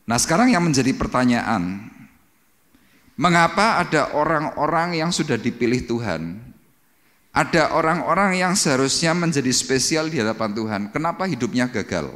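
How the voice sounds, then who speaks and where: A man's voice: mid-range voice, sing-song, moderate pace, fairly bright tone. A male pastor preaching dramatically to a congregation, acting out cries and sound effects. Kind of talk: Pentecostal sermon. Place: church hall. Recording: long church-hall reverb.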